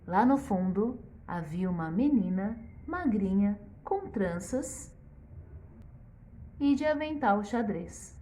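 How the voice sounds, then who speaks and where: A woman educational psychologist narrating a children's story expressively and ending with a moral lesson. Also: medium pitch. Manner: slow, expressive, teacherly.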